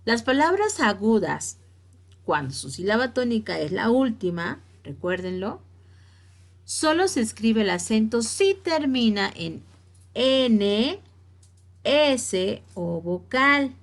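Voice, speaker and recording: A woman's voice: a little high, big pitch swings, slow pace. A woman teacher giving a spelling lesson to her students, stressing key words and checking that they follow along.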